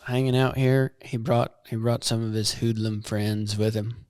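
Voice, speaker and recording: A man hosting a casual podcast interview in a saddle shop, easygoing and quick to laugh. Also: mid-range voice, level tone, darkish tone, clean tone, no echo. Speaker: podcast host.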